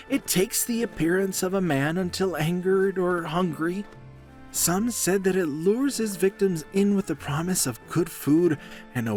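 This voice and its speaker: Man doing a dramatic wizard guy, doom-narrator voice, slow and swoopy. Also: sits high. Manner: grandiose, ominous storytelling tone. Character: theatrical male wizard companion who loves dramatic narration. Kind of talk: comedic fantasy audio drama.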